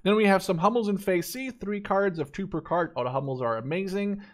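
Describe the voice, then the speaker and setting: With a high-pitched voice and a slightly fast delivery, a young man from the Netherlands rambles through off-the-cuff gameplay commentary. He's in his twenties, reviewing a game deck on YouTube and freely sharing his informal opinions.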